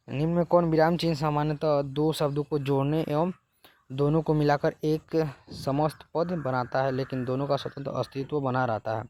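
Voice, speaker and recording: A man's voice: a little high, darkish tone, dry recording. A man teaching a lesson, working through exam questions one at a time and repeating each answer to the students.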